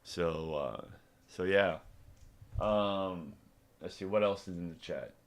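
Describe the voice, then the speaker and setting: A man's voice: low voice, slow. A middle-aged man, a developer and small business owner, talking casually in a rambling live demo with many restarts and fillers. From Texas.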